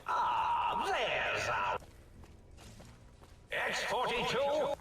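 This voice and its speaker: An actor playing an eccentric old male mad scientist, making theatrical announcements over an outdoor loudspeaker. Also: extremely high pitch, huge pitch swings, drawn-out words, very echoey, far from the mic, background noise, exaggerated voice. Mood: grandiose announcing. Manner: grandiose, theatrical proclamations.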